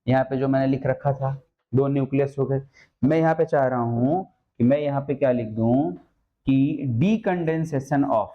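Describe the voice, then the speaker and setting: A male biology teacher with a slightly high, narrow voice lectures his class over tinny audio. He coaxes the students, fires questions at them constantly, and calls them "beta" and "mere lal."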